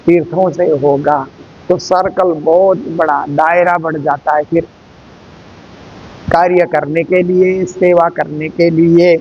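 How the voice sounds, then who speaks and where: A man giving a slow devotional discourse as a spiritual teacher. He speaks in a measured way and repeats phrases for emphasis. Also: a little high, darkish tone, dull audio.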